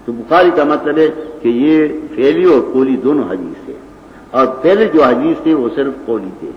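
A man's voice: mid-range voice, expressive. An older man with a Pashtun-accented Urdu, teaching scripture in a didactic, argumentative lecture and reciting Arabic passages. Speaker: Quran and hadith teacher. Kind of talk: religious lecture. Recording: echoey hall, dull lo-fi old recording.

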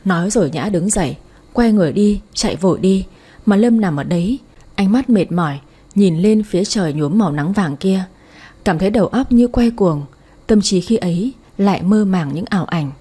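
A woman narrating a romance story for an audiobook in a soft, emotive storytelling manner. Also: medium pitch, expressive, moderate pace, breathy edge.

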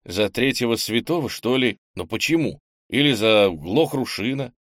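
A man voicing a wary but bold young man who talks in a brisk, wry way. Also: medium pitch, animated, a bit bright, no echo, clean studio sound, voice pushed up, natural voice.

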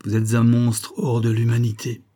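A man voicing a stern male police prefect, formal and measured. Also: mid-range voice, completely flat delivery, mellow, lightly acted.

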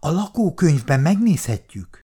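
A man's voice: very animated, dark tone. A man voicing a touchy, nervous shopkeeper who pleads and takes offense in a raised, strained voice, in an audiobook reading. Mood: indignant. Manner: pleading, indignant, higher-pitched.

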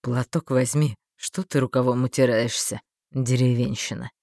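A woman voicing a calm, sardonic man in an audiobook, speaking in a low, dry, mocking tone. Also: moderate pace, no echo. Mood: smug.

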